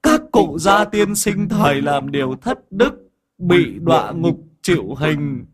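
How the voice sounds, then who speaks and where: A tormented old man's ghost, put on by a male storyteller, begging in a thin, raised voice with a lilt. He drags out every plea slowly and sobs his way through the lines. It is an audiobook ghost story. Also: a little high, expressive, husky, voice pushed up, full character voice. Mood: lamenting. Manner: pleading, sobbing plaintive delivery.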